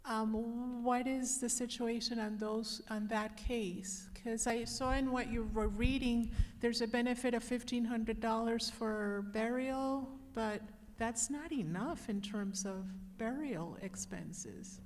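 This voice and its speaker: A woman's voice: on the high side, takes it slowly, hardly any pauses, darkish tone. A woman in the audience hesitantly asking a question at a church workshop. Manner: hesitant, searching for words. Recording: long hall reverb in church.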